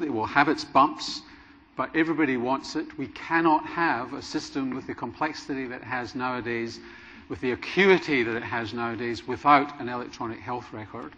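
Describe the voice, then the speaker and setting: A middle-aged man moderates a panel on a large conference hall stage, posing probing, leading questions and delivering the closing remarks. His voice is mid-range and a bit bright, and the sound is dull with hall reverb.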